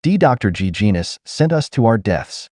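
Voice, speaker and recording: A man's voice: on the low side, big pitch swings, moderate pace, a little mellow, no echo, studio quality. A man voicing a terrified male dragon monster, shaky and fearful.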